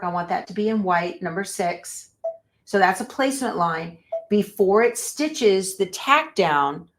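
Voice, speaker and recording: A woman's voice: mid-range voice, fairly bright tone. A woman teaching machine embroidery on a live stream, thinking aloud as she sets up her machine and chatting with viewers. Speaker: embroidery instructor. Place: sewing room.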